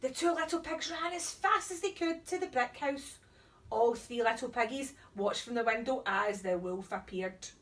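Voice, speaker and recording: Female storyteller for young children: very high voice, sing-song and animated, recorded away from the mic. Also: moderate pace, distant mic. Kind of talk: children's story read aloud.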